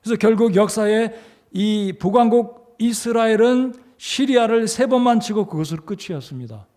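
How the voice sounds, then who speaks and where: A pastor preaching a sermon to a congregation, reading scripture aloud and acting out quoted lines with sudden rises in emphasis, then asking the listeners questions and leading them in repeating a verse. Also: male voice, high voice, moderate pace, darkish tone. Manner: reads scripture with acted emphasis, rising sharply for quoted commands. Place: church sanctuary. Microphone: handheld or stand mic.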